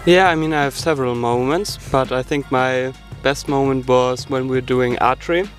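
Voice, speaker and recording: A young man from Germany, a native German speaker, talking in a thoughtful, measured way about volunteering. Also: medium pitch, steady tone, faint music behind. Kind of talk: casual group chat.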